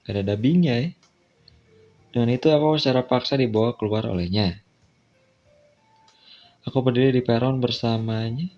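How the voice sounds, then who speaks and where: A man with an Indonesian accent reads a visual novel aloud as a casual video game playthrough, tossing in offhand asides. His voice is medium-pitched and a little mellow, moving at normal speed with long pauses. The lo-fi mic sounds dull, and music plays behind him.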